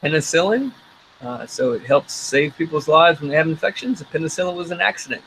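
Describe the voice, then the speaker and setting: A man teaching an online science class with live demonstrations, telling stories in an animated way and acting out little scenes. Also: on the high side, a little hiss or hum, poor audio. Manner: animated storytelling, acts out scenes in quick asides.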